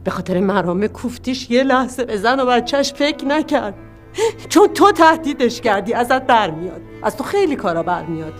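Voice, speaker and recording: A woman's voice: a little high, big pitch swings, soft background music. An actress playing a middle-aged widow and mother of two who pleads and accuses. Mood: threatening. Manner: pleading, then bitter and accusing. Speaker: widow confronting her husband's associates. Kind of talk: TV drama acting.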